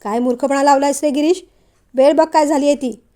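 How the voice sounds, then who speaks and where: A woman's voice: high voice, brisk, lightly acted. A woman voicing a middle-aged father who is caring at heart but scolds his grown sons in a storybook reading. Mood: scolding. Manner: calm, then scolding.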